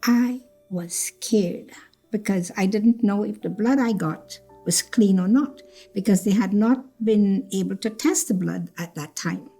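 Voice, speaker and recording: Unhurried and mid-range, her mellow voice has a gravelly fry as this older Trinidadian woman, a cancer survivor, reflects on her past in a storytelling interview. She frequently repeats herself and voices other people's words while soft music plays faintly.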